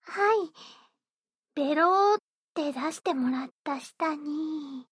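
A woman's voice: high voice, slow pace, dry recording, studio quality. A woman voicing a sweet, eager young maid-café hostess who speaks politely and dotingly. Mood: tender. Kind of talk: roleplay audio drama.

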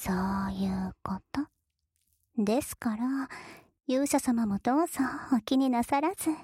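A woman's voice: fairly high pitch, mellow, slightly rough, no echo, clean studio sound. A woman playing a giggly, teasing younger sister. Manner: teasing, giggly, drawn-out words. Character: playful teasing younger sister, noble lady. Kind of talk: whispered role-play.

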